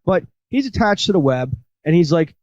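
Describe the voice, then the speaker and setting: A man's voice: a little high, sing-song, moderate pace, lo-fi sound. A man hosting a podcast, casually retelling a horror movie with many fillers and restarts. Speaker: podcast host. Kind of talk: casual chat.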